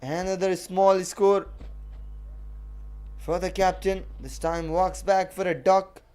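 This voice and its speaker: A man's voice: sits high, level tone, slow, darkish tone, smooth. A man giving live cricket commentary as the match commentator, repeating phrases for emphasis.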